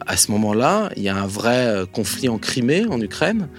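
A man telling a lively anecdote in an interview, with lots of hesitations, speaking straight to his listener. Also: mid-range voice, normal speed, faint music behind. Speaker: interview guest. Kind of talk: casual storytelling.

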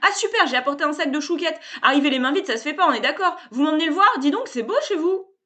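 A woman voicing a brash, over-familiar male salesman who makes a loud, gushing pitch in a storybook reading. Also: expressive, fast talker. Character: brash pushy male salesman, fast-talking schemer.

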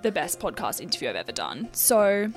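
A woman's voice: fairly low pitch, huge pitch swings, a little fast, creaky, faint music behind. An Australian woman hosting a podcast in a casual, effusive, giggly way with plenty of swearing. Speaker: podcast host. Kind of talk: casual chat.

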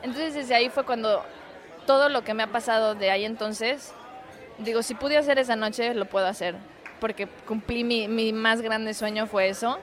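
A woman's voice: on the high side, normal speed, some chatter behind. A woman, a musical theater actress telling a story in a casual interview, with lots of restarts and fillers. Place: outdoors in a city.

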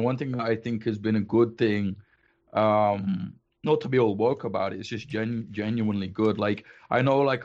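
A man telling stories in an animated, sweary casual chat. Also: lowish voice, lo-fi sound.

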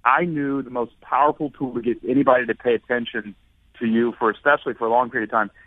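Guest, male author and consultant, energetic and blunt, stumbles over repeated words, on a thin phone-quality line. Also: medium pitch, fast, no room sound. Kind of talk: casual interview storytelling. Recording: dry, tinny phone-like line.

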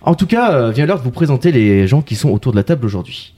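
A man's voice: mid-range voice, very animated, fast, mellow, breathy edge. A man hosting a casual podcast, introducing guests with playful puns and wordplay. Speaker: podcast host. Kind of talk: casual chat.

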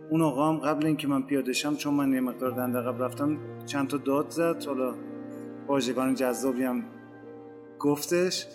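A man telling a personal anecdote in a round-table podcast, relaxed, with many hesitant fillers. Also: medium pitch, long reverb tail. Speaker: podcast guest.

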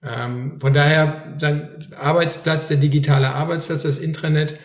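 A man speaks with a fairly high, steady voice that barely rises or falls. He explains things in a measured way with many hesitant fillers. His voice comes from a roomy, echoey recording. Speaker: expert jury member. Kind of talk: podcast panel discussion.

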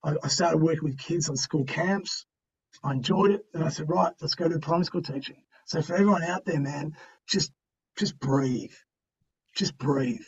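A man's voice: fairly high pitch, normal speed, slightly rough, recorded from a distance, lo-fi sound. A middle-aged Australian man chatting as a podcast guest, telling stories and giving encouragement in an emphatic, slangy, blokey way. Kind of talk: animated interview storytelling and motivational chat.

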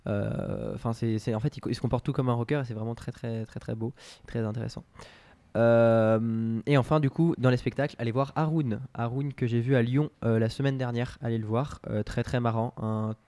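A man's voice: medium pitch, brisk, mellow, no room sound. A man co-hosting a casual podcast, giving cultural recommendations in a rambling way with many hesitations and restarts. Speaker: podcast co-host. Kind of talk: casual chat.

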